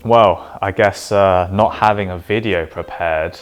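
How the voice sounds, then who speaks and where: Rambling low-voiced young man from London. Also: measured pace, faint music behind. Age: late 20s. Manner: relaxed, rambling with many fillers. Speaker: vlogger. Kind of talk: casual chat.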